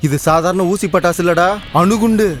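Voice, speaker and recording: A man's voice: high voice, moderate pace, faint music behind, natural voice. An actor voicing a young male college troublemaker, mocking and swaggering. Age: young adult. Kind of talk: dubbed film acting.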